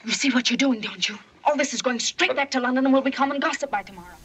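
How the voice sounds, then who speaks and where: An actress plays a haughty society woman, cutting and disdainful, with a somewhat high voice. The 1940s film soundtrack is full of hiss. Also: quick pace, lightly acted. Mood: scornful.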